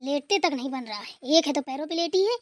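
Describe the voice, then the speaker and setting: A woman's voice: high voice, animated, quick pace, no echo, clean studio sound. A woman voicing a grumpy older mother-in-law who nags and scolds in a comic family skit. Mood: scolding. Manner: bossy, nagging scolding.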